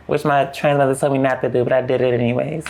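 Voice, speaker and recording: Gravelly young woman telling her story frankly. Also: extremely low pitch, fairly even intonation, quick pace, a little mellow. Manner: frank, run-on retelling with acted-out quotes. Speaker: podcast guest. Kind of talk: candid personal storytelling.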